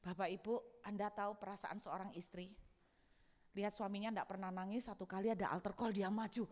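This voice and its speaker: A woman pastor preaching a sermon, telling stories in an expressive, humorous way. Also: medium pitch, a little fast. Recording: long hall reverb.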